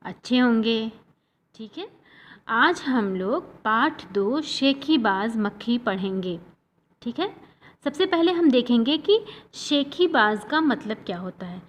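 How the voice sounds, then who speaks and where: A woman teacher walks young children through a story, pausing to explain each hard word and checking in with them often. Her voice sits a little high. The recording sounds dull and lo-fi. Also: lively intonation.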